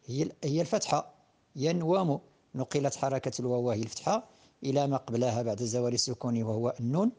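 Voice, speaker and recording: A man's voice: medium pitch, a little mellow. Patient Moroccan man teaching grammar. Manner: patient, repeats forms slowly with frequent drawn-out fillers. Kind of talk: classroom-style lesson.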